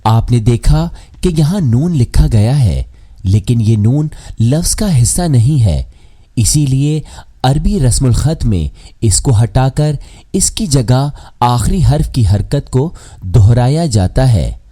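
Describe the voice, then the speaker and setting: A man teaching Quran pronunciation rules in a measured, scripted lesson. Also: mid-range voice, lively intonation, mellow.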